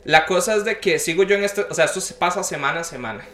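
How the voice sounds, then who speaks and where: Young adult male storyteller, animated, acts out quoted voices, slightly high voice. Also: quick pace, soft background music. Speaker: podcast guest telling a story. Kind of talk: casual storytelling chat. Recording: roomy echo.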